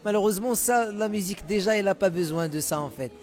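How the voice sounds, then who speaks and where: A man's voice: high voice, quick pace, darkish tone. A Moroccan musician, a man whose first language is Moroccan Arabic, talking casually in an interview and often repeating words while he searches for terms. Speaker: musician guest.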